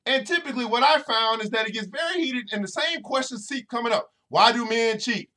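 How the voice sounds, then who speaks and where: On his motivational podcast, this financial educator preaches directly at listeners, going back over the same phrases for emphasis. His very high voice is brisk and sharp in tone.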